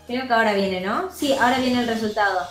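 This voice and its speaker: High-voiced Argentine woman chatting over gameplay. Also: fast. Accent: Rioplatense Argentine. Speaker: gaming video co-host. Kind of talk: casual gameplay chat. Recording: roomy sound with faint music. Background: faint music.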